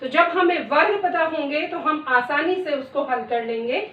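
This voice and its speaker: A middle-aged woman teaching a lesson, reciting letters one by one in a deliberate way. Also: sits high. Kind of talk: classroom lesson. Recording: echoey room, distant dull mic.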